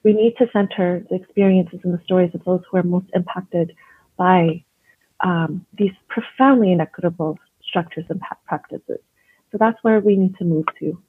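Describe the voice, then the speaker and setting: Her voice is husky and lowish, steady in tone, at a normal speed, coming through a thin phone-like connection with no echo. She's a Canadian educator being interviewed as a guest, reflecting on her work in an earnest way and often starting sentences over.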